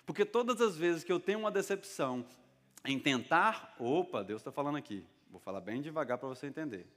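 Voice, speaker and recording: A man preaching a sermon as pastor, telling stories lively and acting out the lines of the people in them. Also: fairly high pitch, brisk. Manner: lively storytelling, acting out dialogue. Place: church hall. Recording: long reverb of a church hall.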